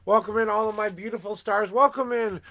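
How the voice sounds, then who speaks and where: A man with a gravelly smoker's rasp, hosting a livestream as a tarot reader in casual, emphatic, effusive patter to viewers. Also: high-pitched, steady tone, fairly quick, sharp tone. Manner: effusive, emphatic showman, repeating welcomes and promises.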